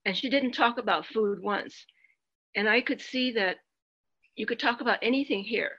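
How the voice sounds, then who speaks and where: Over muffled, lo-fi video call audio, an older American woman speaks at a support meeting, candidly telling her personal story with self-deprecating humor. Her voice is fairly high, a bit bright and slightly rough, and she talks at a moderate pace.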